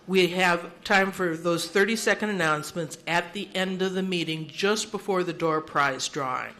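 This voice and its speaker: This older woman's voice is fairly low and fairly bright. As chair and emcee of a seniors' meeting in a spacious room, she speaks into a handheld microphone, delivering orderly notices with light, self-deprecating wit and leading a prayer.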